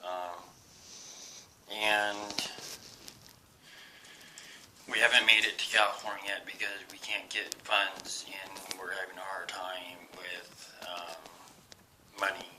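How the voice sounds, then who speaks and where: Very low-voiced man, halting and tense. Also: little pitch movement, slight background noise, poor audio. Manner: halting, with many pauses and fillers; drops to a soft whisper at times. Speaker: vlogger. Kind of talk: personal confessional vlog. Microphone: camera he faces while recording.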